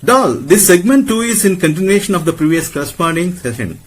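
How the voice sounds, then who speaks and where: Low-voiced woman teaching pronunciation. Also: expressive, husky. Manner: slow, deliberate modeling of words. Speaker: English teacher. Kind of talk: pronunciation lesson.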